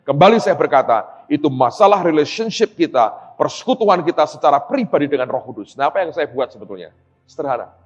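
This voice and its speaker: Middle-aged pastor, lively up and down preaching, dull sound in a big reverby hall, soft music behind. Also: male voice, mid-range voice. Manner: animated storytelling, acts out dialogue, addresses audience as "saudara". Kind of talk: sermon.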